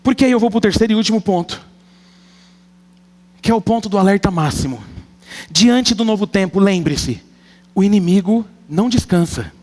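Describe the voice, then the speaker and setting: A man preaching a sermon, telling a comic family story with animated delivery. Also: high-pitched, moderate pace, pauses often. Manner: animated, comic, acts out family members' voices. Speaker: pastor. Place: church hall. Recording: long church hall reverb.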